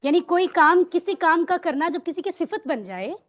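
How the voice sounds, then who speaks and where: A woman with an extremely high, expressive voice teaches an online Arabic grammar lesson. She patiently quizzes her students on words and mixes English words into her explanations.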